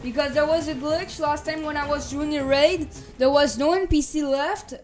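A female gamer giving excited live gameplay commentary, repeating exclamations and casual slang like bro. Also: sits high, moderate pace. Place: voice-over on screen-recorded gameplay, game music behind.

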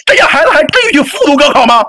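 A man arguing in a heated online debate, shouting and near tears, agitated, repeating himself. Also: very high voice, very animated, racing, over a noisy crowd. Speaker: livestream debater.

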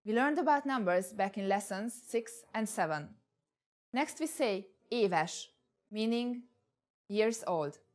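A young woman teaching a scripted language lesson, speaking clearly and enunciating carefully, with Hungarian as her first language. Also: mid-range voice. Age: young adult.

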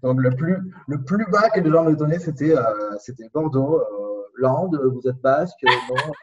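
Male guest, slight Spanish accent, reflective and halting, distant muffled mic. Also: mid-range voice, animated, darkish tone. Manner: reflective, searching for words, many pauses. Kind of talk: casual conversation.

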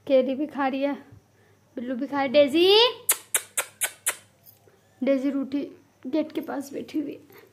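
A woman's voice: high voice, level tone, moderate pace, pauses often, dark tone, a little hiss or hum. A woman hosting a casual pet vlog, chatting to viewers and coaxing her cats to come and eat. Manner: coaxing, calls pets by name. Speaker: cat owner and channel host.

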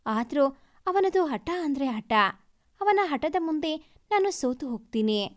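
A woman story reader narrating in the first person, heartfelt and emotional in her delivery. Her voice sits high, and her pitch moves widely through each sentence. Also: measured pace. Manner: heartfelt and expressive, reads with feeling.

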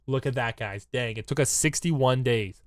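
Hoarse, raspy man doing casual game commentary. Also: mid-range voice, moderate pace, no echo, clean studio sound. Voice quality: raspy, like a smoker's voice. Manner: slangy hype talk addressed to viewers. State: hoarse, recovering from a lost voice. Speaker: gaming YouTuber. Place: indoor room at a computer. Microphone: desk microphone close to the mouth.

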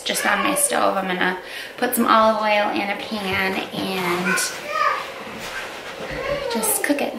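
A woman in her twenties with a mid-range voice and vocal fry vlogs while meal-prepping in her home kitchen. She chats casually and uses lots of fillers as she explains each step. The home recording, made on a handheld camera sometimes in close selfie framing and sometimes far, has loud kitchen noise.

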